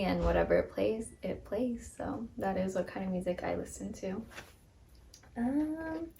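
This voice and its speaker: A woman in her twenties, a podcast host, chats casually about herself in an upbeat way, dropping plenty of ums. Her mid-range voice is creaky and a little mellow, and she's recording on a phone camera.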